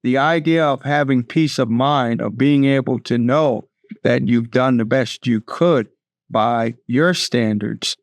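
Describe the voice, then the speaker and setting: Measured man speaking in maxims. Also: mid-range voice, no room sound. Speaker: conference co-chair, panel guest. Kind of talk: motivational panel talk. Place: podcast studio.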